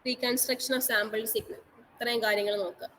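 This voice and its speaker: A woman's voice: fairly high pitch, flat delivery, a little slow, a bit bright, a little hiss or hum, rough recording. Repetitive woman teacher, online class. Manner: repetitive, instructive, mixes English terms into speech. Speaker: college teacher. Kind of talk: online class lecture on exam syllabus.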